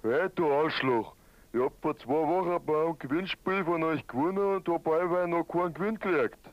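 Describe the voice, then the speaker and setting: A man's voice: a little high, normal speed, no room sound. A man playing a crude, insulting male caller, heard over a dull phone line. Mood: rude.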